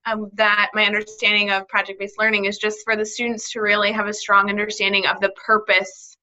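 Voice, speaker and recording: A woman's voice: mid-range voice, flat delivery, a little fast, sharp tone. A woman participant sharing a thought casually on a video call.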